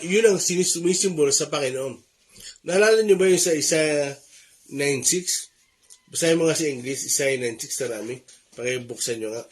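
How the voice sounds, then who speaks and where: Filipino guy preaching a sermon, kinda high voice, earnest, repeats stuff for emphasis.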